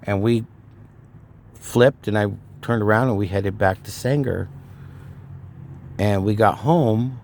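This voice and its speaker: Middle-aged man from California, slightly low voice; loose, rambling storyteller who restarts his sentences. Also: darkish tone, a little hiss or hum. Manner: rambling, frequent fillers and restarts, laughs at himself. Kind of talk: casual personal storytelling.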